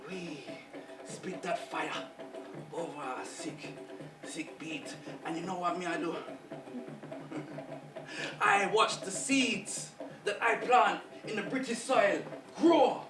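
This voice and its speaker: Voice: mid-range voice, takes it slowly, natural voice. A performer voicing a sly, ancient trickster spider spirit with a Jamaican accent, in a rhythmic, chuckling spoken-word delivery, heard from a distance in a roomy space over music. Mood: sly boastful.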